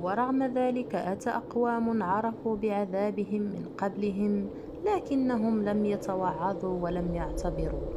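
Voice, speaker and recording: A woman's voice: mid-range voice, warm tone. A woman storyteller giving scripted narration of a religious story, in a solemn and formal manner.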